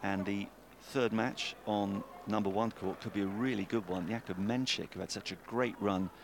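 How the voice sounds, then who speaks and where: A man calling a tennis match live, chatty and lively, his voice climbing as the rallies build. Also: normal speed, creaky, background noise. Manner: chatty, lively, rises in pitch with the play. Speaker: tennis commentator. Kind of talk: live sports commentary.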